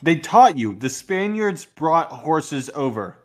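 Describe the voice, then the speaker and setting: A man's voice: a little high, very animated, slow pace. A man co-hosting a casual podcast, talking loosely with slang and laughing a lot. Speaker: podcast co-host. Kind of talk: casual chat.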